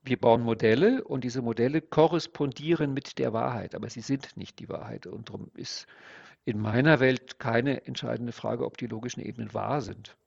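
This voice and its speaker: A man's voice: medium pitch, moderate pace, vocal fry, a little mellow. A man who works as an NLP trainer, explaining his ideas step by step in an interview. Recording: dull lo-fi sound.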